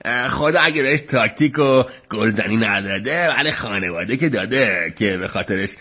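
A man hosts a jokey sports radio show from the studio, his voice bright and a little husky. His pitch swings around a lot as he teases the others. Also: animated. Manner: teasing, mock-formal presenter. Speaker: radio sports comedy host.

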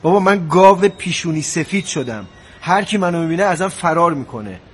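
A man's voice: fairly high pitch, expressive, husky. A man playing a weary husband in debt. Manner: weary, exasperated, pleading. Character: indebted husband, proud and worn down. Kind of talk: TV drama dialogue.

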